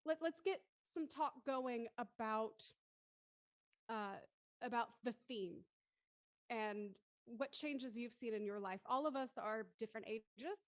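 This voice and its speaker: On an online group video call, a woman hosts a cast discussion, introducing the cast members in an encouraging way. Her voice is on the high side and she takes it slowly.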